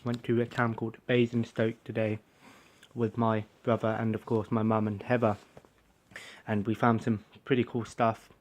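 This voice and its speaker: A young man, talking quietly in a rambling vlog at home, with plenty of ums and uhs. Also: on the low side, flat delivery, moderate pace. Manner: soft-spoken, keeping his voice down. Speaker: collector showing purchases. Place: bedroom at home.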